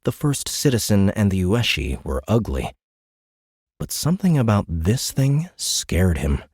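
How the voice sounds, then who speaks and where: Narrating an audiobook of fiction, a man with a low, husky, slightly mellow voice delivers the story dramatically in a sing-song way, a little slowly. The scripted reading is recorded close and dry, without any room sound.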